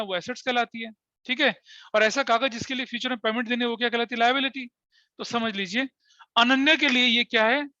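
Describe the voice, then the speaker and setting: A male teacher with a very high, bright, forceful voice leads an accounting class for students both in the room and online, mixing in English. He fires off questions, drills key terms over and over, and checks that everyone is following. The recording is close, dry, and slightly dull, with no room echo.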